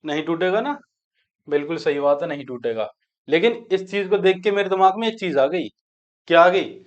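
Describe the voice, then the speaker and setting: A man's voice: on the high side, animated, moderate pace. A man teaching a maths lesson for exam preparation. He asks his students questions, answers them himself, and repeats key steps aloud while he writes. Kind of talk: exam-prep maths lecture. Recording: dull lo-fi sound.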